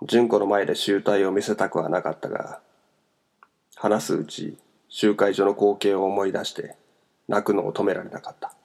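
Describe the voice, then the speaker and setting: A man narrating a novel in a measured, even storytelling manner. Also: fairly low pitch, creaky. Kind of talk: novel reading.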